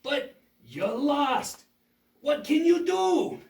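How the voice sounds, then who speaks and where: Performer doing a fearmongering cartoonish villain puppet, gloating, drawn-out taunts, animated pitch, children's show, echoey distant mic. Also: vocal fry, exaggerated voice. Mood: menacing. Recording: roomy echo, distant mic.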